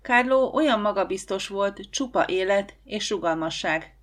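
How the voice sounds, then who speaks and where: A woman narrating an audiobook in a calm, measured way. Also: mid-range voice. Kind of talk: scripted narration.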